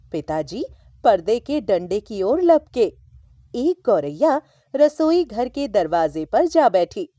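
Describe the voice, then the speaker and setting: A woman narrating a children's story for a school textbook, reading slowly and expressively. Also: fairly high pitch, dark tone, no room sound.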